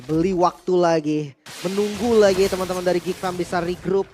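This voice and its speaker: A man's voice: sits high, fairly even intonation, fairly quick, darkish tone, faint music behind. A man doing casual live esports commentary in a chatty, colloquial way.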